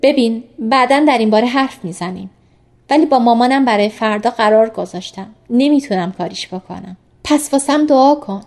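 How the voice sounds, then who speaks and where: Woman voicing a soft, coaxing young male doctor, higher voice, storybook reading. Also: close to an everyday voice. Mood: earnest. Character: gentle teasing male doctor, young adult. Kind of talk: audiobook character reading.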